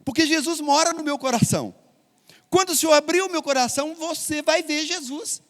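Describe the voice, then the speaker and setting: A man's voice: very high-pitched, brisk, fairly bright tone, voice pushed up. A man voicing an earnest, trusting little sick boy who keeps insisting, in a reverberant church. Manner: insistent, repeats his question.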